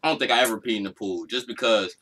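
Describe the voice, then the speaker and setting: A man from Arkansas, United States, hosts a mukbang home vlog from a small indoor room, chatting casually and playfully in slang. His lowish voice comes out quick, pushed, and bright.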